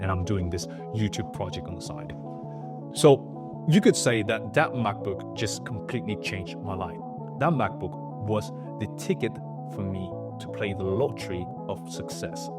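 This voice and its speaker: Young man, twenties, earnest vlog storytelling, low voice, faint music behind. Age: 20s. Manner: earnest, animated storytelling with acted-out quotes. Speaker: YouTuber.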